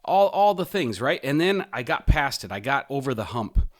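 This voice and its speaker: A man hosts a podcast in a casual, opinionated monologue, his medium-pitched voice taking on a sing-song quality. He stresses words emphatically with drawn-out emphasis, swears mildly, and rambles into wry asides.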